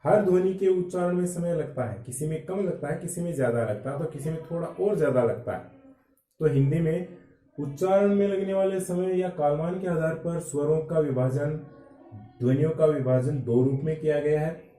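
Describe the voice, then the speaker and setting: A man teaching Hindi grammar for exam preparation, explaining slowly and drawing out vowel sounds. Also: fairly high pitch, mellow, recorded from a distance. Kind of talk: exam-prep lecture. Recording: echoey room, voice from off-mic.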